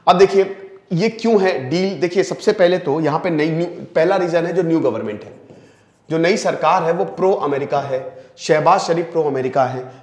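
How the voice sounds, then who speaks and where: A man's voice: fairly high pitch, reverberant. A man explaining current affairs in a conversational lecture, often asking rhetorical questions and checking in with his listeners. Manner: conversational, rhetorical questions, frequent "dekhiye" and "theek hai". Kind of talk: explanatory exam-prep lecture.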